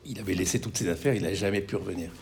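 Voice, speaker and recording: Middle-aged man, low voice, earnest public talk, halting restarts, charity director's testimony. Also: creaky, a little mellow.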